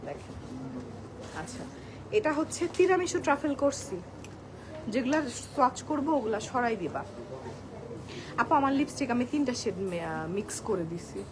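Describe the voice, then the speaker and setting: Woman, live-selling host, high voice, chatter of shoppers behind. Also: animated, moderate pace, long pauses. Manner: chatty, addresses viewers as apu; switches between soft and loud talk. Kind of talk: live-stream product demo. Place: crowded store outlet indoors. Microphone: clip-on mic. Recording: crowded shop, busy background.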